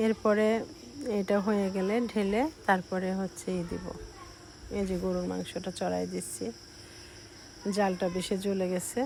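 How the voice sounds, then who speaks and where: Slow-spoken woman with a cold. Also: mid-range voice, level tone, creaky, a little hiss or hum. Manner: slow, soft-spoken explaining. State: short of breath from a cold. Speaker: cooking vlogger. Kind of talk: casual cooking voice-over.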